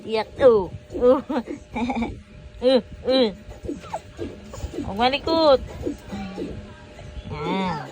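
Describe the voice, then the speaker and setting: High-voiced cooing mom. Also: female voice, poor audio. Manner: cooing, playful, laughing baby talk mixing Tagalog and English. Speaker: mother vlogging her baby's first meal. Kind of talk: home vlog baby talk.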